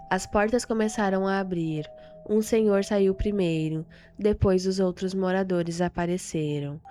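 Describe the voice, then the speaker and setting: A woman narrating a first-person horror story in a slow, suspenseful way. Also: fairly low pitch, warm tone, slight background noise.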